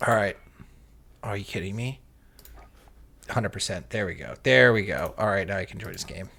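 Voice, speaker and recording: A man's voice: on the low side, normal speed, gravelly, bright, forceful tone. A young man streaming live, chatting loosely with viewers and friends and swearing casually.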